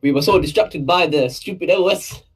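Husky male game commentator. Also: high-pitched, faint music behind, low-quality recording. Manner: upbeat, teasing, quick reactions. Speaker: esports co-commentator. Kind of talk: casual live game commentary.

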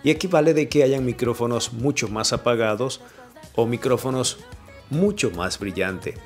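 A man teaching voice technique. He talks directly to the viewer and changes his projection and brightness on purpose to demonstrate. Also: mid-range voice, moderate pace, soft background music. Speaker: voice coach. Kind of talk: voice technique tutorial. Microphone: camera and microphone.

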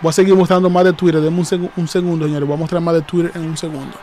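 A man hosting a live reaction stream, excitable and hyped, repeating phrases and calling out to his viewers. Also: a little high, racing, a little hiss or hum.

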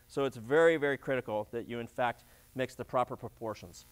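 A man's voice: mid-range voice, fairly quick, clear, resonant tone. A middle-aged man giving a practical instructional demonstration, explaining as he works, with frequent fillers and restarts. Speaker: flooring demonstrator. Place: large warehouse floor, indoors.

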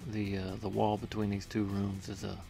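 A man with a low voice and a gravelly edge talks through a home build step by step. His delivery is plain and matter-of-fact, with the odd "uh" as he explains. Soft music sits quietly behind him. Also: completely flat delivery, normal speed. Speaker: home workshop maker. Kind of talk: casual voice-over narration of a build.

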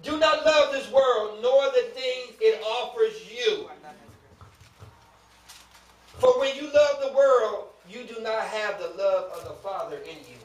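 A man's voice: very high-pitched, slow pace, slight background noise. A male preacher delivering an emphatic sermon in a church, asking rhetorical questions with humor and chatty asides to the congregation. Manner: casual conversational asides to the congregation. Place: church sanctuary. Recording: echoey room, mic at a distance.

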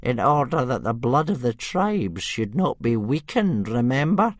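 A man's voice: mid-range voice, sing-song, unhurried, no echo, studio quality, voice pushed up. A man voicing a stern, knowing old Viking who speaks in clipped, pointed phrases, for a storybook.

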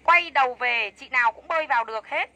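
A woman's voice: high-pitched, fast, pushed and bright, poor audio. A woman selling clothes on a livestream, chatty and enthusiastic, repeating prices over and over. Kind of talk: fast live-sale patter.

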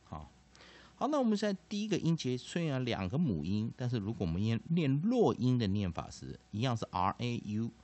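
A man teaching English pronunciation, full of filler particles and slow repeated sounds. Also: medium pitch, sing-song, a little mellow. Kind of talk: classroom-style explanation.

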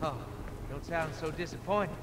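A man's voice: a little high, moderate pace, natural voice. An actor playing a weary male protector in a video game, terse and reassuring. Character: gruff, weary adult male protector of a girl. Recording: game audio, reverberant with loud noise.

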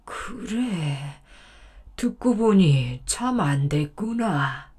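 A woman voicing a kind, gentle old grandfather who talks in a slow, drawn-out way. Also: lowish voice, expressive, slightly rough, pitched below the performer's own voice, heavily acted.

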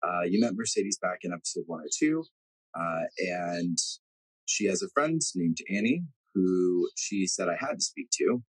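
A man's voice: low voice, lively intonation, normal speed, husky, no room sound, low-quality recording. A man in his thirties hosting a video podcast from his backyard, speaking earnestly and thanking his guest. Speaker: host. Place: backyard garden outdoors.

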